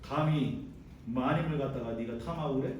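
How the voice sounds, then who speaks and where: A man voicing a stern ancient male commander who gives gruff orders in a sermon story. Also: medium pitch, moderate pace, darkish tone, slight background noise, pitched below the performer's own voice, close to an everyday voice. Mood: commanding. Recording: echoey hall from far off.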